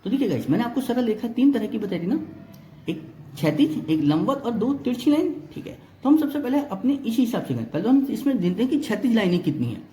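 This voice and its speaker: Lively teacher in an echoey room. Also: male voice, very high voice, fast talker, a little hiss or hum. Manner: step-by-step explaining, often checking if students follow; counts items aloud one by one. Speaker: reasoning teacher. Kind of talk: exam-prep lesson.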